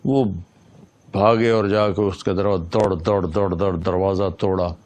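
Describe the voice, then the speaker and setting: Low-voiced male preacher telling a story. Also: steady tone, darkish tone. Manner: retells a story with reverent, emphatic delivery. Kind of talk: sermon storytelling.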